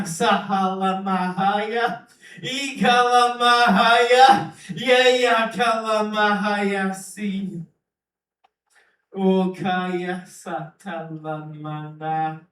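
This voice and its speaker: Slow, high-voiced man prophesying in tongues. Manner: archaic King James phrasing, chanted and repetitive. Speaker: preacher. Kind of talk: prophetic utterance with speaking in tongues. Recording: echoey room from far off.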